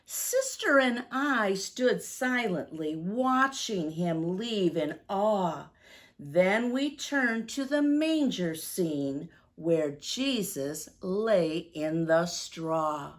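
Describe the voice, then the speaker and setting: A woman with a lowish voice reads a rhyming story aloud to young children. Her storytime delivery is expressive and deliberate.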